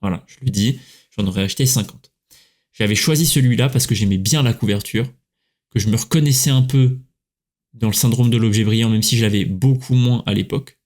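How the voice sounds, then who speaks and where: A man's voice: on the low side, fairly quick, a little mellow. A man from France hosting his own podcast, talking casually with many fillers and self-corrections. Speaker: podcast host, writer and coach. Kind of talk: casual solo podcast talk.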